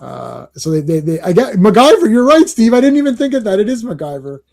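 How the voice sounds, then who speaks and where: Excitable man hosting a podcast chat. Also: sits high, fast talker, creaky. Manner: excitable, laughs often, rambling restarts. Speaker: podcast host. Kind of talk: casual chat, reviewing comics.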